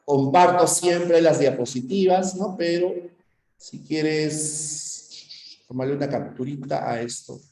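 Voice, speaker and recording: A man's voice: on the high side, slow, warm tone. A man with a Peruvian accent teaching a grammar lesson, stressing points and checking in with the class often. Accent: Peruvian Spanish. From Peru. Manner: emphatic, checks in with frequent "¿ya?" and "¿no?". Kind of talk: pre-university grammar lesson. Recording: echoey room with long reverb.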